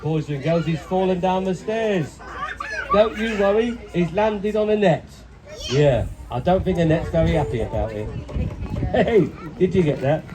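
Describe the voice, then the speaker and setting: A man with an English accent voicing an excitable, teasing clown puppet in an interactive children's show, exclaiming in pantomime style. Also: sits high, measured pace. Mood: cheery, chatty. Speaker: Punch and Judy puppeteer. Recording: noisy outdoor recording with loud crowd.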